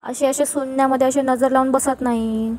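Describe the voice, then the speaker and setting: A woman's voice: high voice, steady tone, normal speed, darkish tone, a little hiss or hum, lightly acted. A woman reading as a drunk, rambling father. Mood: tearful. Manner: slurring, stumbling over words.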